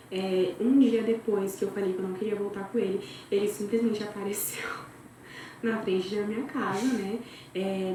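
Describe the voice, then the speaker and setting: A woman's voice: mid-range voice, mellow. Chatty Brazilian woman in an echoey room. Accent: Brazilian Portuguese. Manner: chatty, dramatic, talks straight to friends. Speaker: storyteller. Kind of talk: casual gossip storytelling. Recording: very echoey room, far from mic, faint noise.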